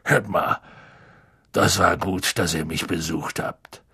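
A man doing Hagrid, a deep slurring drunk half-giant. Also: fairly even intonation, pushed and bright, husky, no echo, studio quality, heavily acted. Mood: gloomy. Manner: slurred, slow, heavy. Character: huge gruff half-giant gamekeeper, drunk and gloomy.

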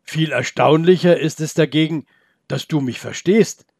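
A man voicing a calm, curious male wolf with a rough, gravelly voice, speaking slowly in a storybook reading. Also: a little high, no echo, clean studio sound.

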